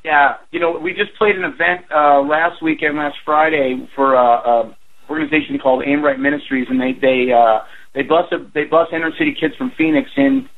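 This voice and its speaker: A man's voice: on the high side, fairly quick. A man in his forties, a band's drummer, talking earnestly with lots of fillers as a guest on a radio interview. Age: 40s. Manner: rambling, earnest, with many fillers. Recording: tinny phone line.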